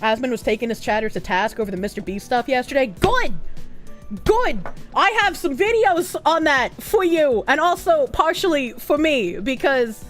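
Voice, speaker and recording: A high-voiced woman streams casually to her chat, her pitch leaping about. She gushes and exclaims like an excited anime fan, and swears playfully. Faint music plays underneath. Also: moderate pace, hardly any pauses. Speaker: live streamer.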